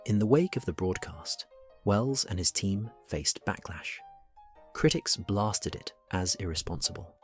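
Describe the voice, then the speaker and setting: A man's voice: lowish voice, lively intonation, measured pace. A man narrating a documentary in a dramatic, scripted style. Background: music.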